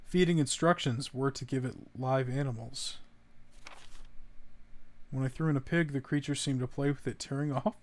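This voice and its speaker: A man's voice: mid-range voice, fairly even intonation, moderate pace, long pauses. A man streaming a horror game, commenting casually, swearing when startled and reading in-game notes aloud. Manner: jumpy, swears when startled, laughs at grim text.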